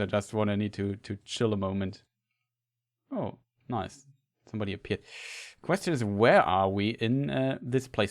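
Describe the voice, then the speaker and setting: A man, an English speaker, chatting casually with viewers while live-streaming a game, rambling and restarting his sentences. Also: medium pitch.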